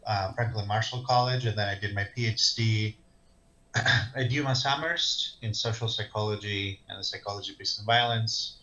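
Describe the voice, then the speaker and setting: A man's voice: on the low side, fairly even intonation, normal speed, sharp tone. Hesitant Greek-born man on a call. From Greece. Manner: hesitant, many ums and restarts. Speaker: guest, social psychologist. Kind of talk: video-call interview answers. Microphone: video call. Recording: dull lo-fi call audio.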